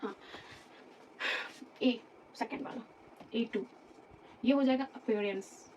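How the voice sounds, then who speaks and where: A woman's voice: a little high, takes it slowly, mellow, recorded from a distance, dull audio, slight background noise. A woman teaching a lecture class, explaining patiently, repeating terms and checking in with her students.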